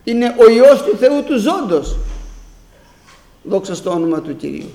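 A man's voice: sits high, sing-song, vocal fry, mellow. A man preaching a sermon to his congregation, emphatic and repeating his phrases, quoting scripture as he goes. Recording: roomy echo.

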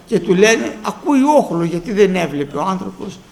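A male preacher delivers a sermon in a strikingly high-pitched voice. He moves between quiet, hushed storytelling and fervent, shouted exhortation. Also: lively intonation, gravelly.

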